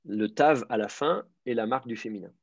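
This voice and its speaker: A man's voice: mid-range voice, brisk, no room sound. A man teaching an online class, explaining step by step with many fillers and restarts. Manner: hesitant, many fillers and repeated words, patient explaining. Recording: dry, slightly dull lo-fi sound.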